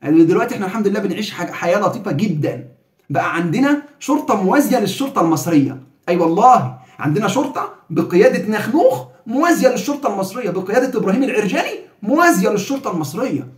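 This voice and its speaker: A man's voice: sits high, sing-song, rapid-fire, echoey room. A man with an Egyptian accent giving heated, sarcastic political commentary.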